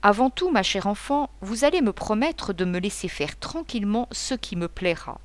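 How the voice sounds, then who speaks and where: A woman's voice: medium pitch, lively intonation, moderate pace, no echo, close to an everyday voice. A woman voicing a boisterous, talkative male painter who rambles and gives orders in a mocking tone. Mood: chattering, bossy.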